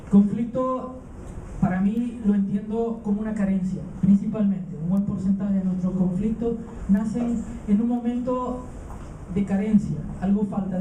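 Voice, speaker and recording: This man, born in the Canary Islands and raised in Venezuela, speaks at a live conference in a high-pitched voice with a dark tone. His talk is hesitant, with many fillers and restarts. Holding a handheld mic away from his mouth in a roomy hall, he comes across distant and dull, with slight hiss or hum.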